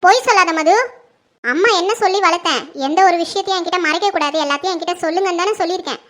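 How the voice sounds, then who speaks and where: A shrill, bright-voiced mother berates her grown daughter in a homemade family skit, as a performer puts her on. She is sharp, accusing and demanding. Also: racing. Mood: angry, accusing. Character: furious middle-aged mother, suspicious and scolding. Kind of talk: home-made Tamil family skit acting.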